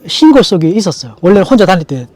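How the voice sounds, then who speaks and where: A man giving an emotional personal testimony in an interview, earnest and halting, often restarting his sentences. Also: high voice, very animated, a little mellow. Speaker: franchise store owner.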